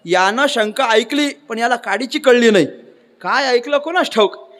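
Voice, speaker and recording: A man from Maharashtra preaching a devotional sermon as a lively storyteller, who keeps tossing rhetorical questions at the crowd. His voice is strikingly high for a man. It carries through a long, ringing hall reverb. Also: normal speed. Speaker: kirtan preacher.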